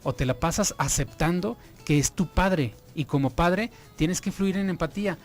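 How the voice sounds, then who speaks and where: Male radio guest, earnest and questioning, slightly high pitch, light music behind. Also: normal speed. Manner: earnest, asks many rhetorical questions. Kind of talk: explaining on a radio talk show. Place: radio studio.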